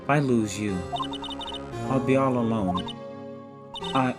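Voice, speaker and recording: A man's voice: mid-range voice, slow, over loud music, pitched above the performer's own voice, lightly acted. A man voicing an earnest, emotional teenage girl in a game reading, with a pleading, tearful manner.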